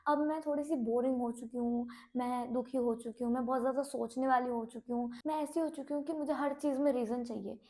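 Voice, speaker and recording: A woman's voice: sits high, steady tone, brisk, few pauses, mellow. A woman in her twenties, a singer and content creator, talks openly to her viewers in a subdued, heavy-hearted confessional vlog, moving between Hindi and English.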